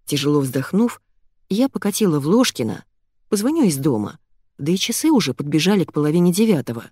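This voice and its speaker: Lively low-voiced woman narrating. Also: fast talker, slightly rough, dry recording, clean studio sound. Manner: lively, expressive first-person telling. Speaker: audiobook narrator. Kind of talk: scripted audiobook narration.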